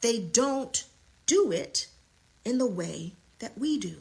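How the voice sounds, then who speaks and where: Emphatic husky woman business coach. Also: a little high, expressive, takes it slowly, darkish tone. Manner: emphatic, repeats key points. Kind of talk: live online business lesson.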